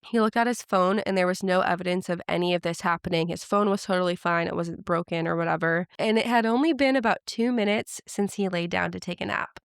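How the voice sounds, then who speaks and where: A woman's voice: fairly low pitch, fairly quick, gravelly, hardly any pauses, clean tone, no echo, clean studio sound. A woman podcast host retelling a story in casual chat, with frequent "like" fillers.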